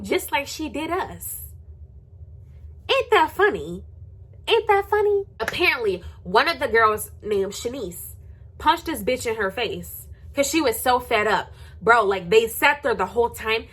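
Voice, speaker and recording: An American woman vlogger rants heatedly to her viewers about gossip, her voice a little high, a bit bright, and slightly rough. She's blunt and confrontational, swears heavily, and repeats phrases for sarcastic emphasis.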